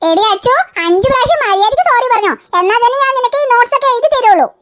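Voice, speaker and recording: A woman's voice: very high voice, lively intonation, very fast, fairly bright tone, a little hiss or hum. A woman voicing a bossy, teasing teenage older sister in a cartoon. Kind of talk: cartoon voice acting.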